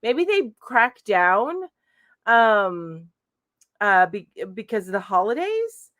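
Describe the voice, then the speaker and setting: A woman's voice: mid-range voice, very animated, takes it slowly, a bit bright, dry recording, studio quality. Chatty woman hosting a live stream. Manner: chatty, reads comments aloud with frequent fillers. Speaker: crochet channel host. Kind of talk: live-stream chat reading viewer comments. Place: home.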